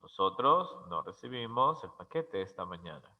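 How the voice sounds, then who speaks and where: A man teaching English grammar as a slow, careful lesson, spelling out letters and repeating each example word. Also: deep voice, sing-song. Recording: dull, lo-fi sound with long reverb.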